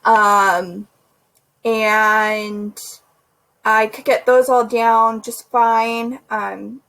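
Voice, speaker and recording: A woman's voice: fairly high pitch, fairly bright tone, rough recording. Chatty young woman, a bit breathless. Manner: chatty, many fillers and restarts. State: sore and a little out of breath. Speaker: vlogger. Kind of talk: casual recovery vlog chat.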